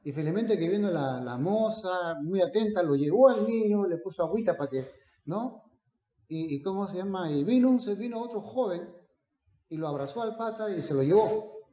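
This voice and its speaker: A male pastor preaching with a high, mellow voice. He swings between loud emphatic declarations and hushed storytelling. The sound is dull and lo-fi, in an echoey room. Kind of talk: sermon.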